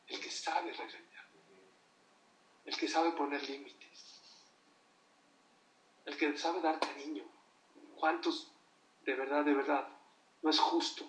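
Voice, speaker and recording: A man's voice: on the high side, fairly even intonation, slow, pauses often, fairly bright tone. A man giving an emphatic sermon to an audience, often putting rhetorical questions to them. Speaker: religious teacher addressing an audience. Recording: echoey room, voice from far off.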